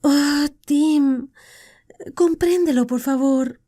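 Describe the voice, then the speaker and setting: A woman's voice: high voice, drawn-out words, dark tone, pitched above the performer's own voice. A woman narrator with a Latin American Spanish accent voicing a distressed young woman who pleads with the man she loved. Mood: pleading.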